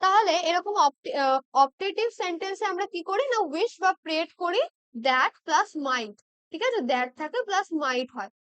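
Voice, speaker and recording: Very high-voiced woman teaching English. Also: expressive, moderate pace, a bit bright, dry recording. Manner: keeps checking in with tag questions, spells words out letter by letter. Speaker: English exam-prep teacher. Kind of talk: explaining exam practice questions.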